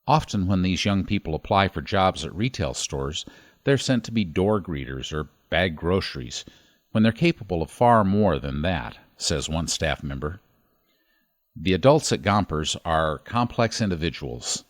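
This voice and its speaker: Low-voiced man narrating a podcast. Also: lively intonation, dry recording, studio quality. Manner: measured storytelling delivery. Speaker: podcast host. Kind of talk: scripted narration.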